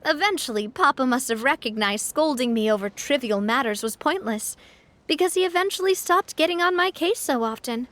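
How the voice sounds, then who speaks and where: A woman speaks a little fast in a high voice with lively intonation, voicing a young adult noblewoman in a video game. Cheerful, confident, and given to easy laughter, the character grows wistful and reflective. Soft game music plays behind her.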